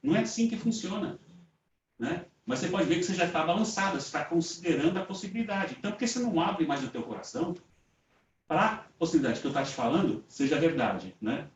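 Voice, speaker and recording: A man's voice: a little high, lively intonation, fast talker. A man with a Brazilian Portuguese accent gives a conversational lecture to a group. He tells stories casually, acts out the dialogue he reports, and often ends phrases with a tag question. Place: meeting room with an audience. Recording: roomy, distant, dull lo-fi sound.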